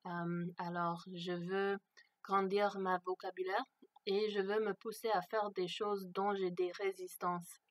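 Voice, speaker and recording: Talking to camera without a script, this vlogger shares personal thoughts in French, not her native language, in a mid-range voice with little pitch movement. She is slow and thoughtful, hesitant, often reaching for words amid lots of fillers.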